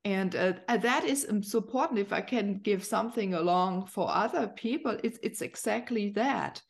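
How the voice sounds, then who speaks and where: Woman, podcast host, fry in the voice, gentle and searching spiritual talk. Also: medium pitch, moderate pace. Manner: gentle, searching phrasing with many fillers.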